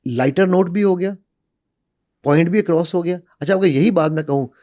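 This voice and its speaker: A man's voice: sits high, normal speed, a little mellow, no room sound, clean studio sound. A middle-aged man explaining public speaking as an interview guest, demonstrative and fond of repeated examples. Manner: demonstrative, uses repetition and acted examples. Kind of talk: animated explanatory talk.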